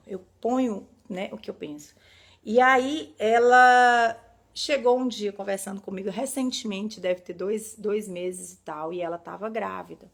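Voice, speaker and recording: A woman preaches live in a conversational way. She tells personal stories earnestly, and her voice sits somewhat high. Her talk sounds like a warm devotional chat with her listeners. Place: home room, live broadcast.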